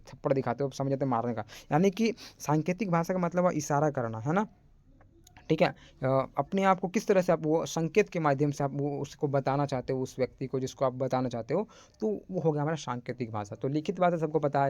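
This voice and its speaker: A man's voice: medium pitch, darkish tone, no room sound, dull audio. A young man teaching an online class in a casual, chatty way, often calling his listeners friends.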